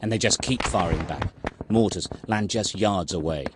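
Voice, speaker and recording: A deep male voice narrates a war documentary in terse, dramatic sentences. Loud vehicle and battlefield noise runs behind him. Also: moderate pace.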